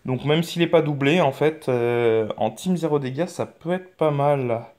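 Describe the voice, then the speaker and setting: A man's voice: on the high side, a little slow, a little mellow. A man hosting a mobile game channel, talking through his game in casual commentary, rambling and hesitant, with many fillers, restarts and mild swearing. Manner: mild swearing, frank and offhand.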